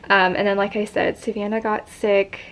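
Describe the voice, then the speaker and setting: A young woman vlogs in a casual chat, her mid-range voice flat and moderately paced on a rough recording. She sounds congested and stuffy with a sore throat, rambling and filling her speech with "like" and "um."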